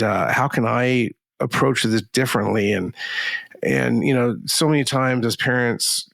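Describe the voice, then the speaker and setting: A man in his thirties co-hosting a podcast, speaking haltingly with many restarts. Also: medium pitch, vocal fry, a bit bright, dry recording, studio quality. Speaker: podcast co-host. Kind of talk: casual podcast chat.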